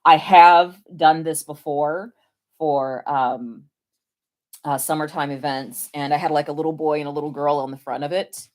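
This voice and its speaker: A woman's voice: low-pitched, fairly even intonation, moderate pace. A woman with a Tennessee accent chatting casually and playfully as she streams balloon twisting, often poking fun at herself. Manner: self-deprecating, playful. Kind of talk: casual live craft chat.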